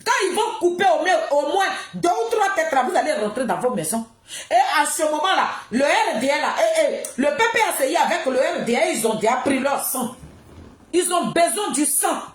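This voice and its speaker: Ivorian woman, high and very animated, ranting political address, scolding, repetitive for emphasis. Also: a little fast. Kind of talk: impassioned political monologue addressed to the public. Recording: roomy, echoing sound.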